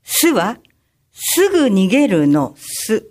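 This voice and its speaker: A woman in a crime-prevention troupe slowly explaining a safety slogan for children on a radio show. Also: mid-range voice, big pitch swings, darkish tone. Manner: slow, deliberate teaching.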